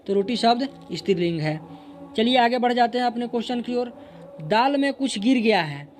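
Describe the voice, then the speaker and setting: A young man, a teacher, going through an exam answer key: he reads each question and repeats the answer for emphasis. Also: extremely high pitch.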